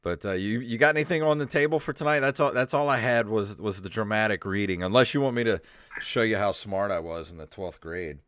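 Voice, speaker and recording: Slight background noise and royalty-free synthesizer music sit under a middle-aged man hosting a comedy podcast. His voice is on the low side and a bit bright, a little fast, as he chats casually and reads aloud in a rambling, sweary, mildly exasperated manner.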